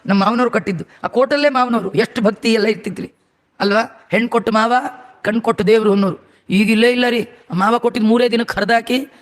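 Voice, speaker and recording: Male religious scholar, very high voice, sermon style: chants verses, then talks them through, with questions thrown to the audience. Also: fairly even intonation, fast. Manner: asks the audience questions and answers them himself; homely examples, conversational asides to listeners. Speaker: religious scholar giving a discourse. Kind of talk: devotional sermon on scripture.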